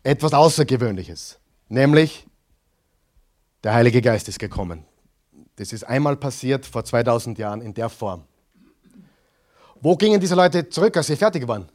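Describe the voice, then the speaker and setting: A man preaching a sermon as pastor, asking the congregation questions and answering them himself, swinging between loud stressed phrases and quiet asides. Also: medium pitch, lively intonation, normal speed, long pauses.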